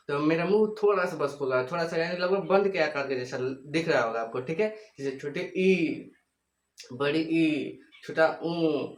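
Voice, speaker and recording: Repetitive man teaching in an echoey room. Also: fairly high pitch. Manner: repetitive, asks questions and answers them himself; slow, drawn-out demonstration of sounds. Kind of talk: whiteboard grammar lecture.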